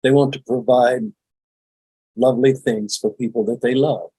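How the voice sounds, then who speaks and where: An older man, a meditation teacher, giving a relaxed, folksy spoken lesson with frequent chuckles. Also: medium pitch, moderate pace, husky, no echo, rough recording. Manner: chuckling, folksy, demonstrates laughing exercises.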